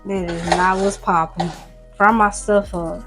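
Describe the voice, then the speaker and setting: A woman's voice: mid-range voice, steady tone, measured pace, loud music behind the voice. A tired woman, chatting casually and rambling to her viewers while cooking in her home kitchen, recorded by a nearby camera. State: tired, yawning. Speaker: cooking vlogger. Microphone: camera close by.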